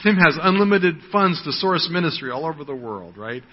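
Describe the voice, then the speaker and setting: Conversational American preacher in his sixties, slightly higher voice, long hall reverb, muffled lo-fi sound. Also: lively intonation, brisk, slightly rough. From United States. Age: 60s. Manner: conversational, frequent "right?", repeats words when starting. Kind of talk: sermon.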